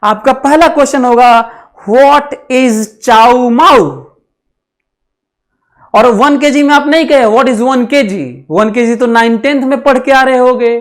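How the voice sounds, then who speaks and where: Male physics teacher, lecturing slowly, repeats himself, quizzes and dictates to the class. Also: very high-pitched. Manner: repeats phrases, mixing English terms into Hindi; asks the class questions and dictates notes. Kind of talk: classroom lecture for exam students.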